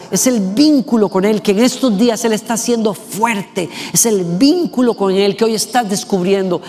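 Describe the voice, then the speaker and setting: A man preaching a sermon with passion, asking rhetorical questions and slowing down to stress words. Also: sits high. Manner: impassioned, rhetorical questions, slows for emphasis. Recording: long reverb with faint music.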